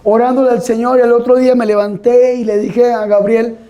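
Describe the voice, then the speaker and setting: High-voiced Colombian priest giving testimony. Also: male voice, level tone, fairly quick, lo-fi sound. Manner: emphatic storytelling, repeatedly urging listeners to pay attention. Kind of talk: testimony talk to a live audience. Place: event hall with an audience.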